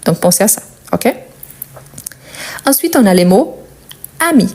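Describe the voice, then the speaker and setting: A woman's voice: mid-range voice, sing-song, a little mellow. A young woman teaching French grammar, with Portuguese as her first language, explaining step by step and repeating key words. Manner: patient, explains step by step with pauses and repetition. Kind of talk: grammar lesson.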